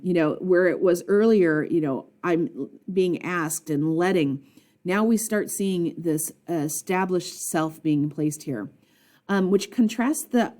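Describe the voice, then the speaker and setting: A woman teacher annotating a poem aloud in a recorded lesson, thinking out loud with frequent ums and posing questions to her students. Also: lowish voice.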